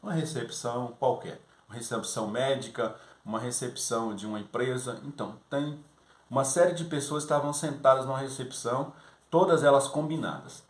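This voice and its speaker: A man's voice: medium pitch, a little fast. A man presenting a Sunday school lesson, giving teaching tips in a conversational way and often checking in with his listeners. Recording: echoey room.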